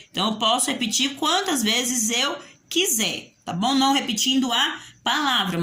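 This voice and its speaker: Woman, Brazilian Portuguese accent, primary school teacher, video lesson, sing-song, bright voice. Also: mid-range voice. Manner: slow, sing-song teaching voice, asks and answers pupils' questions. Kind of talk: video lesson for young children.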